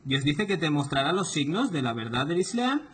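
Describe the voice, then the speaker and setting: A man's voice: on the high side, big pitch swings, normal speed, breathy edge. Didactic man with a raised voice. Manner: didactic, often asks "¿vale?". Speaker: Islamic lecturer. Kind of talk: explanatory talk.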